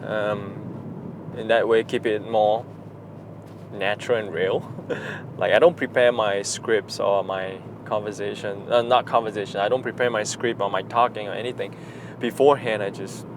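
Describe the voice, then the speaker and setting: A man's voice: on the low side, steady tone, moderate pace, background noise. A man, chatting unscripted in a vlog from his moving car, rambling with many fillers and restarts. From Singapore. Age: 30s. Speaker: vlogger. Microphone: action camera mounted in car.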